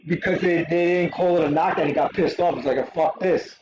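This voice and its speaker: A man hosting a live stream, reacting to a fight in short, excitable bursts and swearing freely. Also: fairly high pitch, fairly quick, muffled recording. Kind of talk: casual live watch-along commentary.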